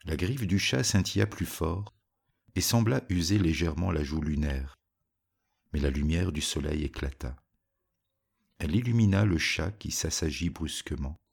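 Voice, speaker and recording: A man reading a storybook aloud in an even, measured way. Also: very deep voice, vocal fry, husky. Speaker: narrator.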